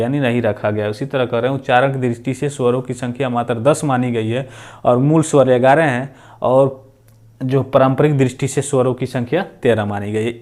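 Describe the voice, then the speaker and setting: A man's voice: medium pitch, darkish tone. Man teaching exam grammar. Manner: explanatory, repeats himself, demonstrates vowel sounds aloud. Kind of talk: exam-prep lecture.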